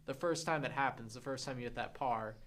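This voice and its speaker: A young man talks on a podcast in a casual, steady way, laying out his point. His voice sits at an ordinary middle pitch. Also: brisk, a little hiss or hum. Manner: steady, explains with sports analogies. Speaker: podcast co-host. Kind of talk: casual chat.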